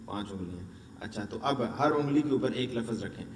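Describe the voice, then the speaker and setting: A man's voice: mid-range voice, expressive. A man training Quran teachers, drilling letter sounds and asking and answering his own questions. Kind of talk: instructional lesson. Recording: echoey room, distant mic, faint noise.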